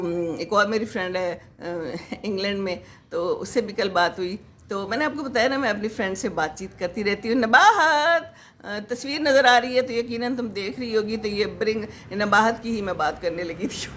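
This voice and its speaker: A woman's voice: medium pitch, a bit bright, slight background noise. A woman in her sixties, a vlogger who chats casually and rambles to her live viewers, with many fillers.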